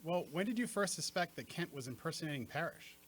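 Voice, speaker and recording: A man playing a businesslike, plain-spoken police inspector in a radio mystery play, brisk and questioning. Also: fairly high pitch, animated, fairly bright tone.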